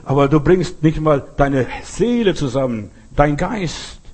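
A man preaching a sermon who talks to his listeners directly, swinging between emphatic bursts and slow, quiet lines. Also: a little high, expressive, slightly rough. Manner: addresses listeners directly with "weißt du" and "verstehst du".

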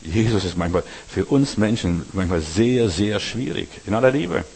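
A man's voice: fairly low pitch, animated, normal speed, gravelly, darkish tone, breathy edge, long reverb tail. A man preaching a sermon, addressing listeners directly with frequent asides asking if they understand.

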